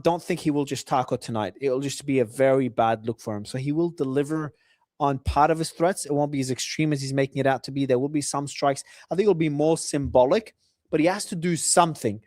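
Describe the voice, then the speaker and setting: A man's voice: on the high side, a little fast, a little mellow, no room sound, studio quality. A man hosting a live talk show, reading out news updates and giving his own predictions. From Australia. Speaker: host.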